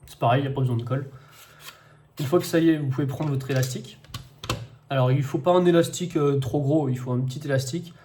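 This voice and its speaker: A man's voice: medium pitch, quick pace, warm tone, a little hiss or hum. A man casually explaining how to put together a printed model, hesitant and full of fillers, new to commenting. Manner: hesitant, many fillers and restarts, first time commenting. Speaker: 3D-printing maker demonstrating an assembly.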